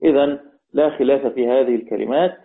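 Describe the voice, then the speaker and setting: A man with an Egyptian accent teaching Quran recitation rules, repeating key words slowly and quizzing his students. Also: mid-range voice, creaky. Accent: Egyptian Arabic. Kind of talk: explaining recitation rules in a lesson. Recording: tinny phone-like sound.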